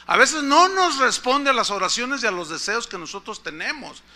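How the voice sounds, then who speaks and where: A man's voice: extremely high pitch, very animated, normal speed, pushed and bright. A man with a Mexican accent preaching a conversational storytelling sermon, often asking the congregation questions. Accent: Mexican Spanish. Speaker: pastor.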